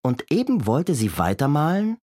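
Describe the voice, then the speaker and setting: Man, storybook narration, lively rising and falling pitch, expressive. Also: normal speed, dry recording, studio quality. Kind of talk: scripted storybook reading.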